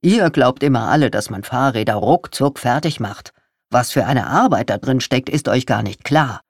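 A reader voicing a fussy older husband. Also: male voice, medium pitch, lively intonation, moderate pace, no room sound, studio quality. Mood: defensive. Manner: defensive, self-important.

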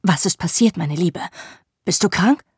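A woman reading a story voices a worried, gentle man caring for his partner. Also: on the low side, lively intonation, measured pace, breathy edge, no echo, studio quality, full character voice. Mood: concerned.

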